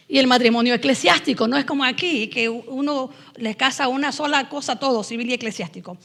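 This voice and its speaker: Woman, high voice, middle-aged, from Ecuador, church testimony, animated storytelling. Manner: lively storytelling with acted quotes. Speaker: church speaker giving testimony. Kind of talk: personal testimony sermon.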